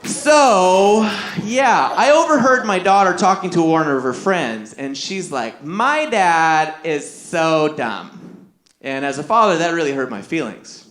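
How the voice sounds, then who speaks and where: A middle-aged man from Canada performing stand-up comedy, telling stories briskly and acting out the voices of people in them. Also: high-pitched. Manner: lively storytelling, acting out other people's voices. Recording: echoey room.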